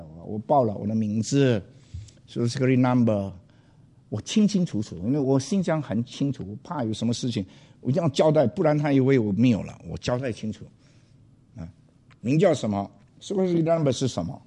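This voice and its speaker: An older pastor relates a personal story to listeners in a loud, animated manner, peppering it with English phrases. He talks fairly quickly in a husky, mid-range voice.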